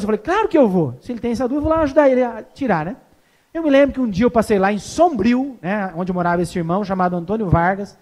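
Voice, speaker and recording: A man from Brazil gives an evangelistic sermon in a high voice. He tells the story with animation, acting out each exchange and turning to the congregation with questions. He sounds like a pastor speaking to his church. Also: a little mellow.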